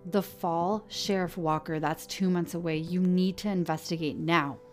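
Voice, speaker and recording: A woman's voice: low voice, normal speed, creaky, a little mellow, faint music behind. A woman doing a desperate teenage boy. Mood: pleading. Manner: urgent, pleading, emotional. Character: distraught teenage boy, desperate for his friend. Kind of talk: audiobook character voice.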